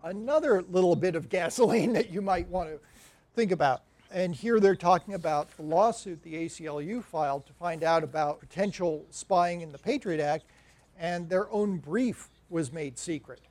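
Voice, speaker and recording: Male librarian giving a conference talk, high voice, wry and animated. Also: normal speed. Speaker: academic librarian presenter. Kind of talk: conference presentation.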